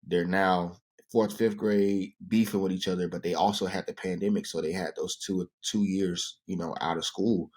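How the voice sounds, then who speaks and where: A man in his thirties with a very low, deep voice, chatting casually as a podcast co-host. He tells stories in an easygoing way, full of "you know" and "like". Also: normal speed. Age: 30s. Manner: relaxed storytelling, many fillers. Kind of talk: casual chat.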